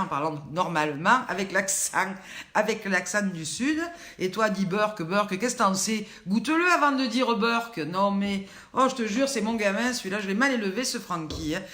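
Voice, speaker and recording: A woman's voice: mid-range voice, a bit bright. An older woman with a Southern French accent hosts a casual live cooking chat, joking and talking straight to her viewers by name. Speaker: online show host. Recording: roomy echo.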